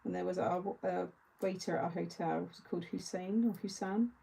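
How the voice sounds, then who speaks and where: A woman's voice: lowish voice, fairly even intonation, brisk, vocal fry, dark tone, breathy edge, poor audio. A woman hosting a live craft-along, chatting casually and answering viewer comments as she works. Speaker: craft show host.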